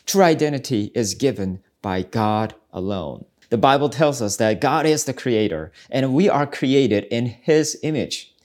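A man from South Korea, host and ministry speaker on a podcast, gives a searching, preacherly devotional talk that is earnest and reflective. He speaks at a medium pitch, animated yet unhurried, with a darkish tone and hardly any pauses.

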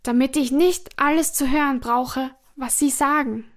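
A woman voicing a dying old emperor who cries out in fear and pleads loudly. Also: sits high, fairly even intonation, unhurried. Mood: desperate, pleading. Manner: crying out loudly and desperately.

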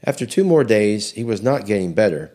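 A man with a fairly low voice narrates history from a script. He reads at an even pace and sometimes restarts a word after a slip. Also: a little fast. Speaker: history podcast host.

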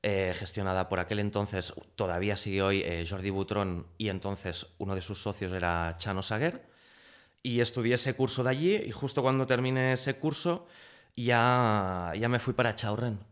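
A man's voice: normal speed, smooth. A man in his thirties from Spain, telling his story as a guest in a casual interview. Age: 30s. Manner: chatty, acts out quoted dialogue with rising pitch. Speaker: guest, pastry chef.

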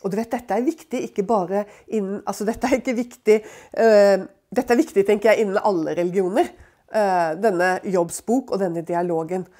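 A woman's voice: mid-range voice, steady tone, dark tone. A woman giving a conversational Bible teaching, talking in a chatty way with many fillers and tag questions to her listeners.

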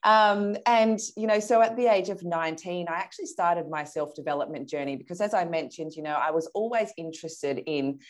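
Here a woman from Perth, Australia, in her early thirties, talks quickly with few pauses in a voice on the low side. As an interview guest she recounts her own story in a frank, confident, chatty manner.

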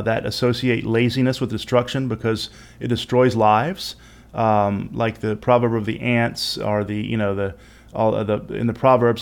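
A man's voice: lowish voice, vocal fry. A man presenting an educational talk in a casual, conversational and musing way, often checking in with rhetorical questions. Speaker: host and presenter of an educational video series. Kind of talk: casual explanatory lecture.

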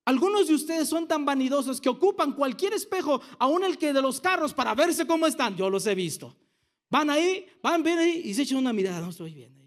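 A man's voice: extremely high pitch, lively intonation, a little fast. A man preaching a sermon as pastor, asking the congregation questions and teasing them with jokes.

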